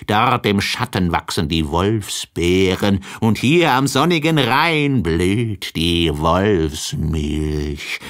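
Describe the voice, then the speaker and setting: A man voicing a cunning, mocking wolf in a fairy tale reading, speaking low and slow.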